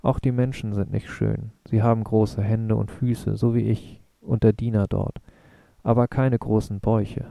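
A man voicing a grave, earnest young man from the moon, with a low, gravelly, very dark voice. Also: flat delivery, a little slow, no echo. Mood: bitter, impassioned.

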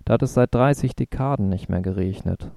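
A man's voice: on the low side, a little fast, creaky, dark tone, dry recording, clean studio sound. A man voicing a sober, worried ecologist. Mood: serious.

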